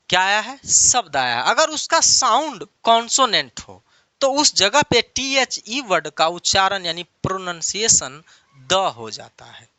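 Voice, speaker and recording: A man's voice: sits high, pushed and bright, no echo. A man teaching an online English lesson, explaining patiently and repeating key phrases many times over.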